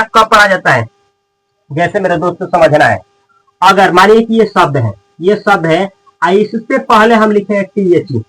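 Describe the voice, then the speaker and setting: High-voiced teacher drilling words. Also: male voice, rough recording. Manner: addresses viewers as friends and brothers, repeats words slowly for drill. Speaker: English teacher. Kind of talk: classroom lesson.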